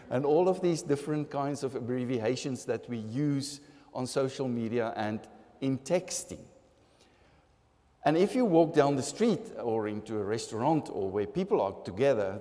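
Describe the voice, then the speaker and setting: A man preaches in a large sanctuary, his mellow, darker voice carrying a long reverb tail. He speaks slowly and deliberately, earnest with occasional humorous asides. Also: mid-range voice. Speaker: pastor. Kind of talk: sermon.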